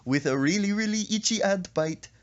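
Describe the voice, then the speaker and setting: A man voicing a carefree young boy who sings loudly in a put-on Jamaican accent. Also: high voice, animated, moderate pace, lo-fi sound, voice pushed up. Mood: sing-song. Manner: sing-song, loud, oblivious.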